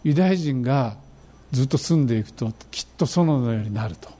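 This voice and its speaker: A middle-aged man preaching a sermon, animated and fervent, describing travel photos to his congregation. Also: mid-range voice, brisk. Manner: animated, rising to fervent emphasis. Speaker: pastor.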